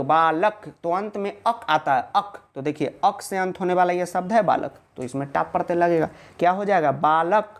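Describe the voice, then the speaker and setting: A male teacher gives a casual online video lesson. He keeps posing questions and answering them himself, and breaks in with jokes and reassurance for students. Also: on the high side. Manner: chatty and joking, reassuring students.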